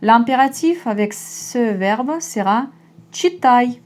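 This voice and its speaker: Slow, mellow woman teaching. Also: mid-range voice. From Russia. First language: Russian. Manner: slow, patient explaining with repetitions. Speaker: Russian language teacher. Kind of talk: language lesson.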